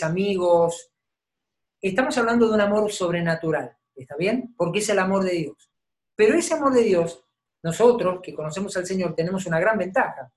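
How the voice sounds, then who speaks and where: Woman, Bible teacher, teaching sermon, explanatory, checks in with listeners. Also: fairly low pitch.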